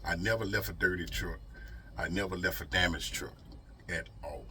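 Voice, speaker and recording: This man vlogs as a trucker, handing out motivational advice in a casual, folksy, emphatic way full of repeated rhetorical questions. His low voice sounds pushed and bright at a moderate pace. A little hiss or hum can be heard.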